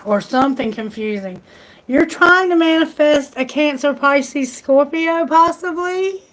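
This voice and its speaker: High-voiced chatty tarot reader woman. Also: unhurried, rough recording. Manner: chatty, exclamatory, thinking aloud. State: losing her voice. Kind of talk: live tarot reading.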